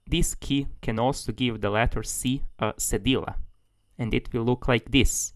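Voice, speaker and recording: A man's voice: mid-range voice, steady tone, moderate pace, no echo. A man giving a tutorial as a language tutor, explaining things steadily, step by step.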